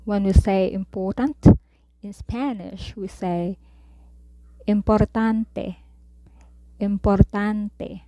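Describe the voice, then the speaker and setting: Woman tutor, slow deliberate drills with each word repeated, dark mellow voice. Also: mid-range voice, no room sound. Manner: says each word, then repeats it slowly. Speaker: Spanish tutor. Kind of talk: slow vocabulary lesson.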